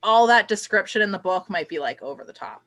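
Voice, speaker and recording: A woman co-hosting a casual book discussion, conversational and quick to laugh. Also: mid-range voice, expressive, crowd noise. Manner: conversational, laughs easily, uses "like" often.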